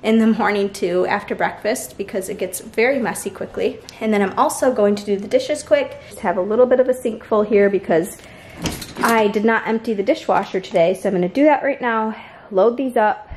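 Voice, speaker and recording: Chatty young mom vlogging at home. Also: female voice, medium pitch, a little fast, a little mellow, a little hiss or hum. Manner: chatty, matter-of-fact, talks to her children in between. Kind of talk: casual vlog narration. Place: home, backyard and kitchen. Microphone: handheld camera mic.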